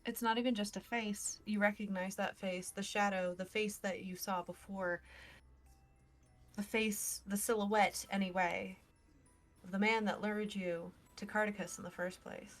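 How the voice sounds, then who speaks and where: A woman narrating a tabletop role-playing game as game master, in halting, suspenseful storytelling. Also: medium pitch, fairly even intonation. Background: faint music.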